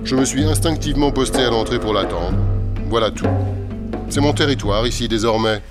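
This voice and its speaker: A man voicing a high-handed, territorial male dragon in a read-aloud storybook, speaking in a calm, matter-of-fact, possessive way, with music behind him. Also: brisk, close to an everyday voice. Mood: smug. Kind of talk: storybook character voice.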